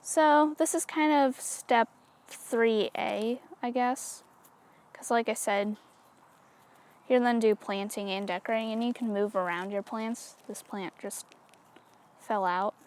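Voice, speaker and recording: A woman's voice: a little high, a little slow, darkish tone. A woman casually talking through a hands-on craft demonstration, chatty and easygoing, with lots of little fillers. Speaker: craft tutorial host.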